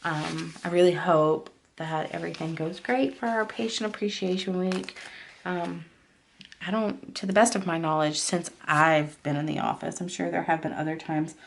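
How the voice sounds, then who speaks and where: A woman's voice: on the low side, steady tone, moderate pace, vocal fry, slight background noise. A woman vlogger chatting casually while decorating her planner, rambling and confiding as she drifts off-topic.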